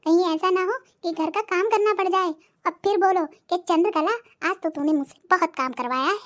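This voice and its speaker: A voice artist playing a bossy, sharp-tongued middle-aged cartoon wife who nags and threatens. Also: very high voice, fairly quick. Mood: scolding. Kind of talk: cartoon voice acting.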